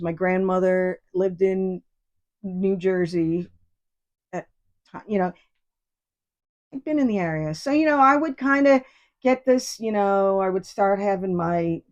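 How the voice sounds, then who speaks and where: On her solo podcast, a New York State woman in her fifties delivers a casual monologue that wanders off on tangents and gets profane. The recording is lo-fi, and her lowish voice carries a darkish tone.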